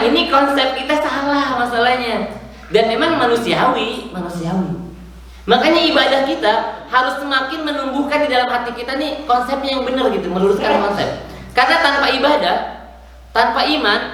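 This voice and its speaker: Preacher in a very echoey mosque. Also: male voice, extremely high pitch, fairly quick, bright, forceful tone, slight background noise. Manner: chatty, jokes and quizzes the congregation. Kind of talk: casual sermon. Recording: very echoey room, far from the mic.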